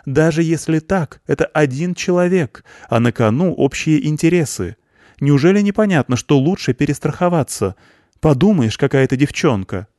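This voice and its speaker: A man's voice: on the high side, animated, moderate pace, a little mellow, no echo, studio quality, voice pushed up, lightly acted. A man voicing an indignant, haughty middle-aged female school director.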